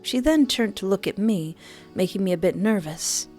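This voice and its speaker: With faint music in the background, a woman voices a visual novel's narration and dialogue at a moderate pace. Her reading is expressive, and she alters her pitch for every character.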